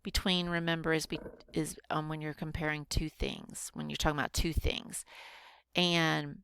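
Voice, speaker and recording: A woman teacher patiently walking students through a grammar worksheet, slowing down to show careful reading. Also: low voice, animated, vocal fry, a bit bright, smooth, no echo. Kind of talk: recorded grammar lesson for students.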